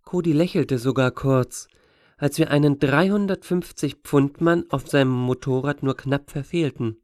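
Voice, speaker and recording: A man narrating an audiobook in steady, measured storytelling. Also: mid-range voice, no echo, studio quality. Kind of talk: scripted narration.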